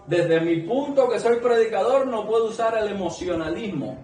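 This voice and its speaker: A man's voice: high-pitched, expressive, normal speed, a little mellow. A man preaching a sermon to a small congregation, earnest and conversational, asking many rhetorical questions. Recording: echoey room, mic at a distance.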